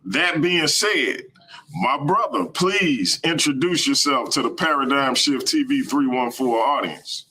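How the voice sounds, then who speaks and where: A man hosting a live stream, talking casually in slangy, energetic bursts. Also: mid-range voice, a little slow, breathy edge, poor audio.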